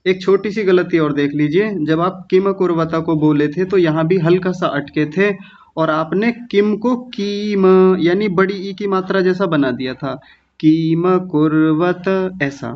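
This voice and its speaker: Man, teacher, slightly high voice, patient, slow repetitions, muffled lo-fi online audio. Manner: patient, slow syllable-by-syllable drilling. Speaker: Sanskrit recitation teacher. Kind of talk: online class teaching pronunciation. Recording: dull lo-fi online class audio.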